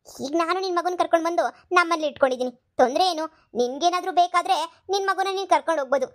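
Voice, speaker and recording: A woman voicing a scheming, sharp-tongued middle-aged mother-in-law who scolds and taunts. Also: very high-pitched, racing. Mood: scolding. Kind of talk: cartoon comedy voice acting.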